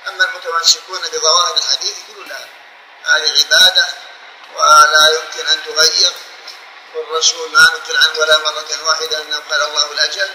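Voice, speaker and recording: A man teaching Islamic law gives a lesson in which he explains slowly and patiently, repeating and drawing out example phrases to illustrate them. His voice is on the high side, pushed and bright, in an echoey room with slight background noise and low recording quality.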